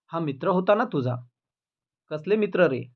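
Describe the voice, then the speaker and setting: Male reader as a mocking, scolding policeman, slightly high voice, muffled lo-fi recording. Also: animated, moderate pace. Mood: sneering. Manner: sneering, scolding.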